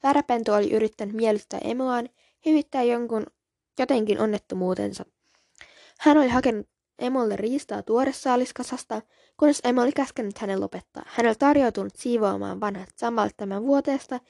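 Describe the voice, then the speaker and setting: A woman with a slightly high, gravelly voice reads book scenes aloud for her podcast. She steps out of the text now and then for casual, slightly apologetic comments. The sound is dry and close. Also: dark tone, no room sound. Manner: casual and a little apologetic in asides. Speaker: podcast host reading a book. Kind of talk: book reading with casual asides.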